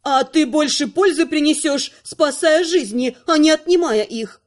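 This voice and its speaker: A woman's voice: sits high, a little slow. Woman voicing a scornful female healer. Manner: sharp, scornful. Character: jealous sharp-tongued female healer.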